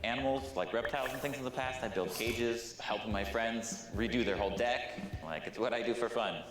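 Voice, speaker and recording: A plainspoken thirty-year-old man talking quickly in a fairly low voice. His words ring out in a very echoey room, with music underneath. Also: background noise. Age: 30s. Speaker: interviewee. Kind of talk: casual interview answers.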